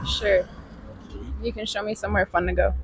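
A woman's voice: mid-range voice, very animated, moderate pace, gravelly, noisy background. A young woman interviewed on a street at night, blunt and teasing.

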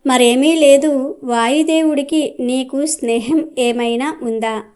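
A crafty wandering sage coaxes answers out of others with gentle, probing questions, voiced by a woman. The voice is clear and smooth, set somewhat high. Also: fairly even intonation, takes it slowly. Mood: coaxing. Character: sly wandering male sage.

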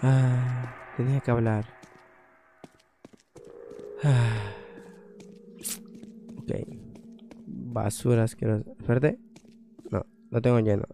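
A young man, commentating his own horror game playthrough in a casual way, swearing, thinking aloud and breaking into loud startled outbursts. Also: mid-range voice, level tone, takes it slowly, pauses often, faint music behind. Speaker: gaming channel host.

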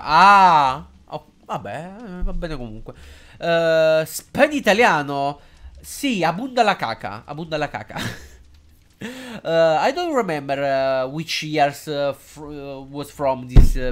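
Excitable man streaming a game. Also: medium pitch. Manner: excitable and jokey, swings between loud outbursts and mumbling; halting, hesitant when switching into English. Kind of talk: casual live game commentary.

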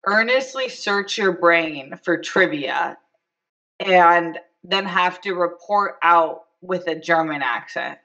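A woman's voice: fairly low pitch, slow pace, sharp tone, lo-fi sound. A woman co-hosting a casual show, laughing often and teasing playfully. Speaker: co-host. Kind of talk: casual podcast chat.

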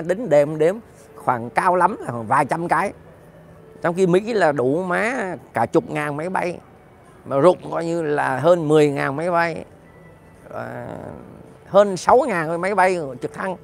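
High, gravelly male commentator; angry, crude monologue straight to his audience. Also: slight background noise. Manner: heated, profane, addresses viewers directly, rises to shouting. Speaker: political commentator. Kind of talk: ranting monologue to viewers.

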